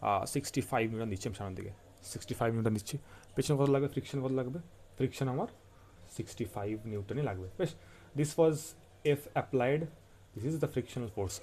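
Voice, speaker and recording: A man's voice: medium pitch, a little mellow, a little hiss or hum. A man with a Bengali accent teaching physics. He mixes Bengali and English, asks questions and answers them himself, and keeps checking in with listeners. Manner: repeats key points and checks in with listeners. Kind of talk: classroom-style lecture.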